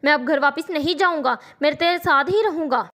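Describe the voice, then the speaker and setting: A woman's voice: high voice, a bit bright. A woman reading a storybook as a mistreated young boy who pleads tearfully with his mother. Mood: pleading.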